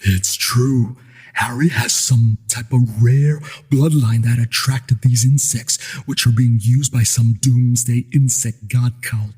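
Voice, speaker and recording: Earnest, formal partner; very husky, mellow tone, drama. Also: male voice, mid-range voice, fairly even intonation, slow.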